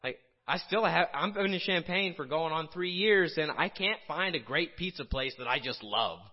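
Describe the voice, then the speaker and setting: A man from Illinois preaching a casual sermon, conversational and halting, with frequent restarts and fillers. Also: fairly high pitch, lively intonation, highs cut off. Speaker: pastor.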